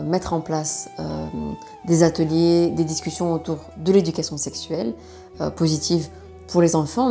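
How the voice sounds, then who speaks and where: Female educator, very low register, mellow and creaky, measured explainer delivery with pauses. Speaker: sexologist presenting a video.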